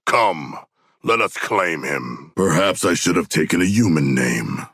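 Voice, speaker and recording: A hulking, sincere shark warrior from a video game. The voice is low, husky and forceful, recorded dry. He words everything formally and literally, like a very earnest outsider among humans. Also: expressive, unhurried, no echo, full character voice. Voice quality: deep, gravelly. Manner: formal, stilted, literal phrasing without contractions. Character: King Shark, huge earnest, literal-minded shark-man warrior. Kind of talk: video game character voice lines.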